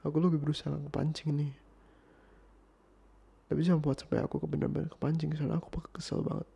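In this ASMR role-play, a man voices an exasperated young boyfriend who argues insistently and sometimes slips into a whisper. He speaks fast in a flat, fairly high voice that is creaky and husky, putting on a full character voice.

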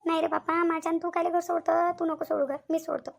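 A woman's voice: extremely high pitch, level tone, fast talker, vocal fry. A woman voicing an aggrieved middle-aged mother in a cartoon, with a whiny, lamenting manner. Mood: self-pitying. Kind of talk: cartoon voice acting.

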